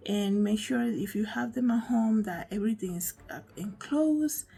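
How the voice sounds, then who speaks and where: A woman's voice: medium pitch, animated, moderate pace, creaky, mellow, breathy edge, poor audio. A woman giving casual commentary on a news story, chatty and preachy, often asking her listeners "right?". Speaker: online commentator.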